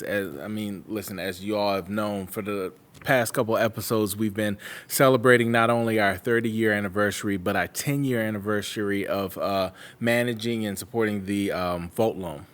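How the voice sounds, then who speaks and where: A man hosting a local business podcast, talking in a relaxed, chatty way with halting fillers. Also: lowish voice. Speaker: podcast host.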